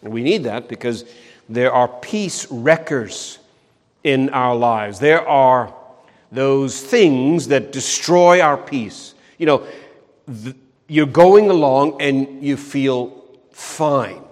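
Man preaching in a reverberant hall. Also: mid-range voice. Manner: earnest, repeats words for emphasis, slows on key phrases. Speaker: pastor. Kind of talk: sermon.

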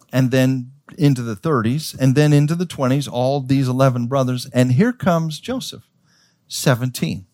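A man's voice: a little high, no room sound, studio quality. A man preaching a sermon as pastor. He tells the story in a conversational way, with stammers and restarts, and acts out the characters' voices.

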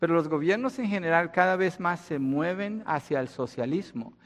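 A man's voice: a little high, expressive, normal speed. A man from Colombia preaching a sermon in a conversational way, asking rhetorical questions and rising in emphasis. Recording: long hall reverb.

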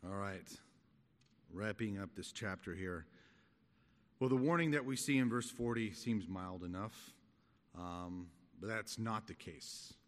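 Low-voiced man teaching in an echoey hall. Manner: halting, conversational, explanatory. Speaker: Bible teacher. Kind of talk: expository Bible study sermon. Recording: echoey hall with long reverb.

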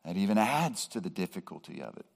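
A man with a low, deep voice delivers a sermon at an unhurried, deliberate pace. He speaks in measured phrases and now and then builds to emphatic, raised peaks as he appeals to his congregation. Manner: slow, measured preaching that rises to emphatic peaks. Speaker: pastor.

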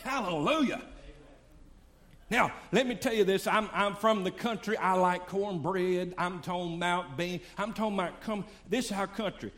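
High-voiced preacher, older man. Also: normal speed, few pauses, a bit bright. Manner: fervent, folksy preaching with rising exclamations. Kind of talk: sermon.

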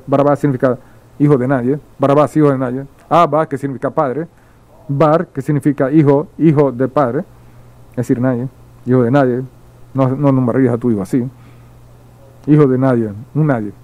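A man with a fairly high, dark-toned voice, captured on a rough recording. He's a pastor delivering a midweek sermon, reading Bible passages aloud and explaining them with repeated emphasis, occasionally slipping and starting over.

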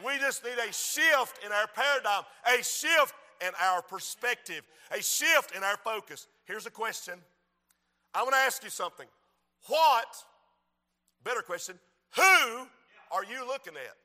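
Man, preacher, very bright tense tone, long hall echo, rhythmic repetition, quiet to shouted. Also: very high-pitched, animated, measured pace. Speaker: preacher and school principal. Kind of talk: sermon.

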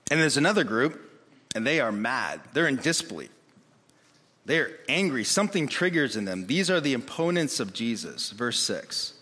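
A man preaching a sermon in an animated way, acting out the voices of the people in his story. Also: mid-range voice, normal speed, husky. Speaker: pastor. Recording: long reverb of a hall.

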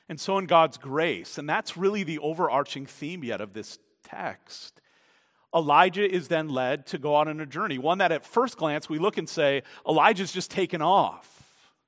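A man preaching a sermon as pastor, dramatic and emphatic, swinging from hushed asides to loud declarations. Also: on the high side. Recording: long reverb from a large room.

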